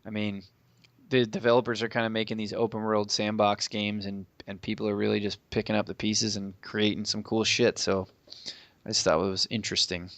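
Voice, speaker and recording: A man's voice: lowish voice, level tone, fairly quick, a bit bright, dry recording. A man co-hosting a casual podcast, blunt and swearing, often laughing. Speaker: podcast co-host. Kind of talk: casual chat.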